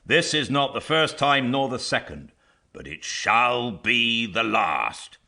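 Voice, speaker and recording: A man's voice: mid-range voice, very animated, creaky, sharp tone, voice pushed up, full character voice. A man voicing a kind but firm farm master in a storybook, speaking plainly. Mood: stern, angry. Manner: plain-spoken, firm, slow. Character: kind farm master, stern when angered. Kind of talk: storybook character reading.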